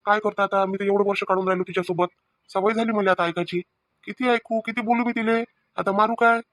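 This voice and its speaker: A man's voice: sits high, steady tone, fast talker, a bit bright, dry recording, studio quality. A man voicing an exasperated but firm village husband with a Vidarbha Marathi accent in a cartoon comedy. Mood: fed-up. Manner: arguing, threatening.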